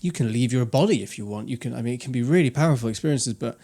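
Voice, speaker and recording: A man's voice: mid-range voice, very fast, dark tone. Reflective man rambling on a podcast. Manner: reflective, rambling with many restarts. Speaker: podcast co-host. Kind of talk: casual chat.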